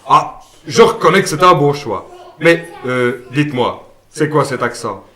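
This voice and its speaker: A man plays a cheeky, simple-minded puppet fellow with a Liège accent, talking in a folksy, rambling way in a higher-than-usual register. The sound is roomy, with the voice sitting some way off the mic. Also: animated, measured pace, pushed and bright, far from the mic. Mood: chatty. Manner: folksy, naive, lots of "hein" and "ben".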